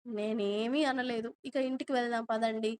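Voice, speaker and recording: A woman voicing a timid, grieving young wife who speaks softly and hesitantly in a storybook telling. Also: on the high side, steady tone, normal speed, clean tone, lightly acted. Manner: soft and hesitant.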